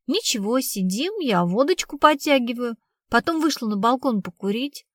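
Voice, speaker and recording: A woman's voice: fairly high pitch, lively intonation, normal speed, no room sound, clean studio sound. A woman reading the part of a blunt, streetwise young woman who tells her story in slangy, casual speech. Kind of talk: audiobook reading.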